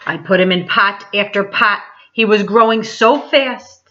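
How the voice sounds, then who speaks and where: Like a teacher reading to her class, a woman performs a children's story with dramatic emphasis in an expressive picture-book read-aloud. She speaks unhurriedly in a mid-range, somewhat bright voice, captured with dull lo-fi audio.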